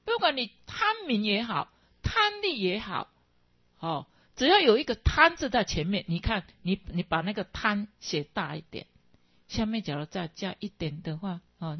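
A woman's voice: lowish voice, breathy edge, no echo. A woman with a Taiwanese accent teaching in a Buddhist dharma talk, rambling, slipping into Hokkien and tagging phrases with particles. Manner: digressive, mixes in Hokkien, frequent tag particles. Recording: dull, lo-fi dry recording.

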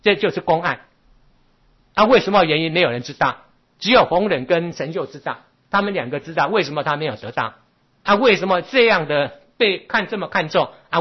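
A man lecturing on Buddhist scripture, talking haltingly with many repeats and filler particles. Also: fairly high pitch, breathy edge. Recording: dull lo-fi recording.

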